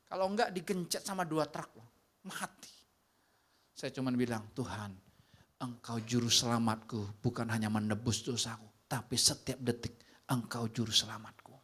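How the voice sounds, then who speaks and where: A man preaches in a relaxed, conversational way, speaking straight to his congregation. His delivery moves from animated passages to hushed ones. He acts out the complaints and prayers he describes. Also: fairly high pitch. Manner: talks directly to the congregation, shifting between animated and hushed delivery. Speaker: pastor. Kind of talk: conversational sermon.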